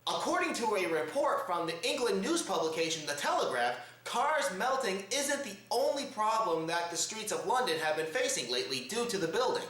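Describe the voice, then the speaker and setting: With a sing-song high voice that's a bit bright, this man rattles through comedic news commentary to camera at normal speed with few pauses. His delivery is exaggerated and theatrical, like a showman host, and the home recording sounds roomy and echoey.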